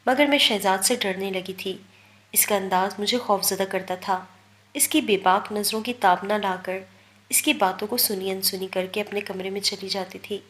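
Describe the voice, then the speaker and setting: A woman's voice: mid-range voice, fairly even intonation, fairly bright tone. A woman with a Pakistani Urdu accent, reading a first-person moral story as scripted narration. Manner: reads a first-person story, voicing the characters' quoted lines.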